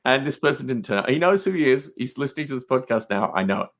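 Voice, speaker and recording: Fast, animated and gravelly, this middle-aged man's mid-range voice carries casual, rambling anecdotes. He's a podcast host appearing as a guest, emphatic throughout and prone to repeating words for stress.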